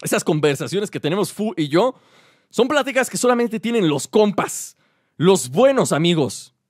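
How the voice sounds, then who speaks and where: A man's voice: high-pitched, sing-song, moderate pace, dry recording, clean studio sound. A man giving playful, joking commentary over his gameplay. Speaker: gaming YouTuber.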